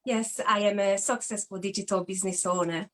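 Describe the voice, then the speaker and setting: In an interview, a Hungarian woman in her forties earnestly and openly shares her personal story, with a Hungarian accent. Her voice is medium in pitch, fairly even in intonation, and brisk.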